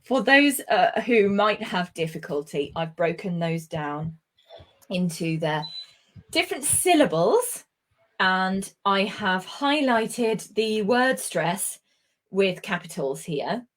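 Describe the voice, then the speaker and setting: A woman from Britain teaching English pronunciation over a video call, praising and correcting slowly. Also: medium pitch, big pitch swings. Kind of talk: online speaking lesson.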